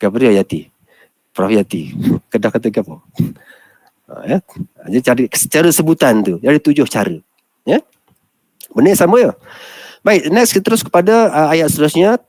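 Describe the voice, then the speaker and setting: A man with a Malaysian Malay accent teaching Quran recitation in a class, explaining patiently step by step and chanting verses slowly. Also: a little high, big pitch swings, darkish tone, no room sound.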